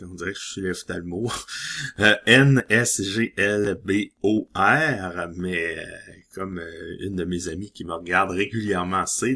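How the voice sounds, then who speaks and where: A man's voice: sits low, fairly bright tone. A man with a Québécois French accent chatting casually as he scratches lottery tickets, reading letters aloud and laughing often.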